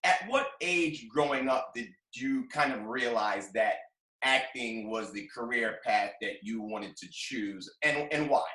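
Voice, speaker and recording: A man hosting an entertainment interview, upbeat and quick with little affirming noises. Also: medium pitch, sharp tone. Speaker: interview host. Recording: roomy echo.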